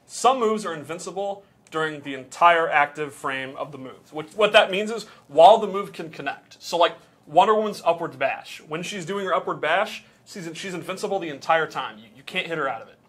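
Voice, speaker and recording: Higher-voiced man explaining game mechanics. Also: fairly quick, few pauses, a bit bright, slightly rough. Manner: patient, walks through examples step by step. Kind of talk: casual technical explanation.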